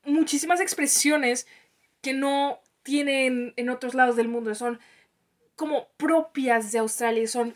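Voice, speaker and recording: A woman's voice: sits high, measured pace. A young woman with a Mexican accent co-hosting a casual podcast, chatty and laughing often. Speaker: podcast co-host.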